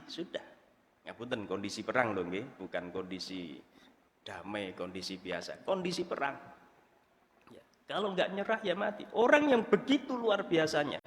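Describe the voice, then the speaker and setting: Animated East Javanese preacher in an echoing mosque. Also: male voice, mid-range voice. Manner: folksy and animated, slipping into Javanese with jokes and laughter. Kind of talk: dawn mosque sermon. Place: mosque hall. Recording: long hall reverb in a mosque.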